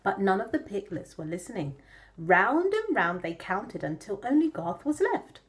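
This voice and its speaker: A woman's voice: mid-range voice, sing-song, moderate pace, a little hiss or hum. A woman telling a story to young children in a broad, singsong kids' theatre manner, drawing out words.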